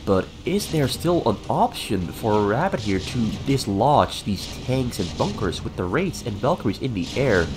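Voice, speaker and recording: A man's voice: medium pitch, big pitch swings, moderate pace, few pauses, poor audio. A man with a stuffy, flu-ridden nose commentating a game as an esports caster, calling the play in short clipped phrases.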